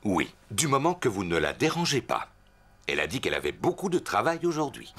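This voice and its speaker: Un homme qui joue un papa cochon débonnaire et un peu maladroit dans un dessin animé. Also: male voice, medium pitch, wildly swooping pitch, a little fast, fairly bright tone, heavily acted. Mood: obliging, unsure. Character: Papa Pig, genial bumbling adult father pig. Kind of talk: French cartoon dubbing.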